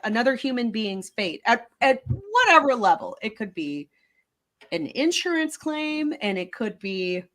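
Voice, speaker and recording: A woman's voice: on the high side, big pitch swings, unhurried, fairly bright tone. A woman hosting a podcast, talking through her views in a thoughtful casual discussion, often restarting her phrases. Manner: thoughtful, restarts phrases while building an argument. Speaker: podcast host.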